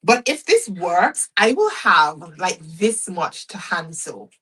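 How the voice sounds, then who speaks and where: A woman in her thirties chatting to her viewers as she sews, expressive and talkative, slipping into exasperated quoted speech. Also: lowish voice, slow pace, breathy edge, recorded from a distance, rough recording. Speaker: sewing vlogger. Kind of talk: casual chat while sewing, reading viewer comments.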